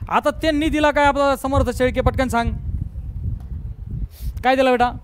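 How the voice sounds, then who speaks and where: A man's voice: very high-pitched, fairly even intonation, moderate pace. A man with a Marathi accent teaching a math class, coaxing students and checking again and again whether they follow. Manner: coaxing, repeatedly checks understanding. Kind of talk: classroom lecture. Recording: noisy classroom recording.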